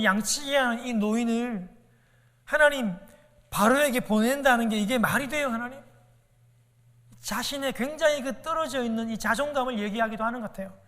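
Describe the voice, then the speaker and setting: A man's voice: very high voice, a bit bright. A male pastor preaching a sermon, earnest, keeps turning to speak straight to his congregation. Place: church sanctuary. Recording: long church-hall reverb.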